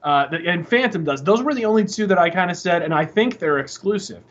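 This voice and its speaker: A man's voice: sits high, expressive, a little fast, highs cut off. A man co-hosting a casual podcast, rambling and profane, often restarting his sentences while he searches for words. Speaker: podcast co-host. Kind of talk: casual game-industry chat.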